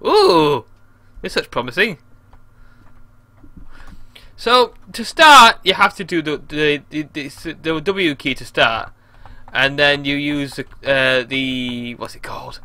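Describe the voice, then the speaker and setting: A young English man commentating on his own gameplay, shouty and exasperated as he keeps failing. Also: a little high, slow, no room sound. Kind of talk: casual game commentary.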